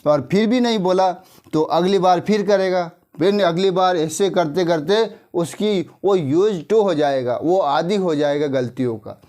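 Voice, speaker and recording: Teaching grammar, a male English teacher from India speaks with a high, darkish voice and a conversational manner. Along the way he shares a moral story, keeps checking in with his listeners using repeated tag questions, and slows his pace to dictate.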